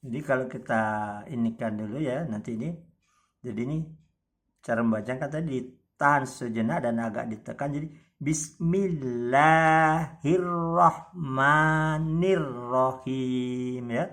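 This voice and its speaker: A man's voice: mid-range voice, fairly quick, long pauses. A man teaching tajwid, patiently explaining reading marks and stretching out recited example words.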